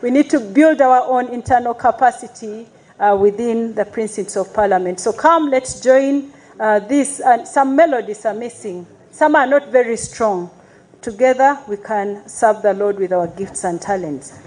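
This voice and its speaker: A woman chaplain speaks in a formal, measured way before a congregation. Her voice sits fairly high, and she leads call-and-response praise between her remarks. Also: a little mellow, rough recording. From Uganda. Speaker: Anglican parliamentary chaplain. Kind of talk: church address to a congregation.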